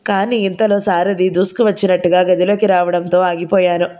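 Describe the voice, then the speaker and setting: A woman narrating a novel in the first person with steady storytelling. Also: lowish voice, a little fast. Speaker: audiobook narrator.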